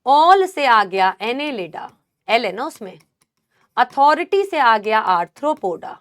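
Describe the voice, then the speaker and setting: A woman biology teacher, lecturing a class and drilling a memory trick through slow repetition. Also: fairly high pitch, big pitch swings. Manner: slow drilling repetition, addresses students as beta.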